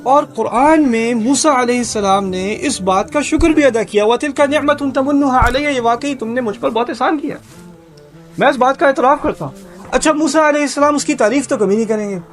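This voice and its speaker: A man's voice: very high-pitched, soft background music. A man giving a Quran commentary lecture, asking his listeners questions, repeating key words and reciting Arabic verses. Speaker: Quran teacher.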